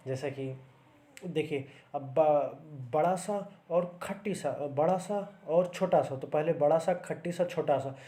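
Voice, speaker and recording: A man's voice: on the high side, slow pace, dark tone. Methodical male grammar tutor. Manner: explains step by step with frequent checks like "ठीक है" and "है ना". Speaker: Hindi grammar teacher. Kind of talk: exam-prep grammar lesson.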